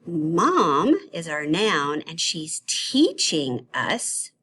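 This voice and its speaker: A woman's voice: deep voice, very animated, sharp tone, slightly rough. A woman teaching a grammar lesson to young children, asking playful questions and praising their answers. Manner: slow, encouraging, sing-song questions to young kids.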